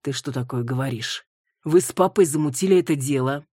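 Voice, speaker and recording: A woman's voice: low voice, animated, normal speed, a little mellow, husky, dry recording, clean studio sound. A woman reading an exasperated young man. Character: irritated hungover young man, defensive son.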